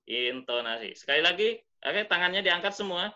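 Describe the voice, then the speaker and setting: Man, fairly high voice, bright and forceful, speaking trainer, demonstrative delivery, dull lo-fi webinar sound. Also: lively intonation, moderate pace. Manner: demonstrative, swings pitch and pace on purpose. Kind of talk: webinar lesson.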